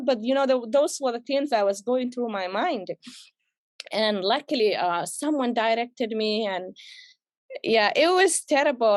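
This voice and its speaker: A young woman from Somalia telling a painful personal story as a podcast guest, emotional and animated, acting out what people said. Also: a little high, dry recording. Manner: emotional, animated retelling with quoted voices.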